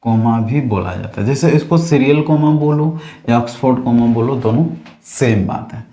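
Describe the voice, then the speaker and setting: A man's voice: medium pitch, normal speed, mellow, echoey room. A man teaching a casual grammar class, repeating phrases and checking that the viewers understand.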